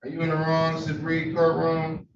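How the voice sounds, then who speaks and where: A man's voice: a little high, completely flat delivery, moderate pace, muffled recording. A man presiding as a judge over a remote hearing, formal and polite, with frequent hesitations, heard as a courtroom recording. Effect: courtroom recording from a distant room mic. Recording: roomy courtroom audio from afar, faint hum.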